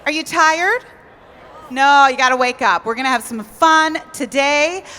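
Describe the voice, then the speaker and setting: A woman's voice: sits high, unhurried, pushed and bright, in a large hall. A woman hosting a live cooking stage at a convention, bubbly and a little flustered. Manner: bubbly, flustered, laughing at herself. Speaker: event emcee. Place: large convention hall stage.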